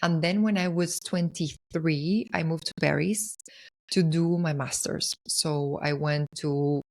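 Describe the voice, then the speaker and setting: Low-voiced woman from Argentina hosting a podcast. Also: fairly even intonation, slow pace, darkish tone. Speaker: podcast host. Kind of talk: personal storytelling monologue.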